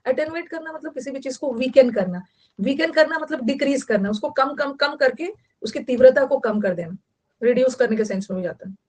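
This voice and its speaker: Woman, vocabulary teacher, online class lecture, chatty, repetitive, slightly high pitch. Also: animated, brisk, darkish tone. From Bihar, India. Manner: chatty, repeats key words for note-taking.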